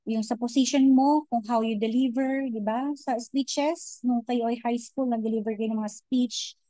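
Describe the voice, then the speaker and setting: Woman lecturing online, dark warm voice, chatty taglish, lots of okay? and um. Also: a little high, fairly even intonation, normal speed, dry recording, rough recording. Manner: chatty Taglish, frequent "okay?" and "di ba?" check-ins; many hesitations and restarts.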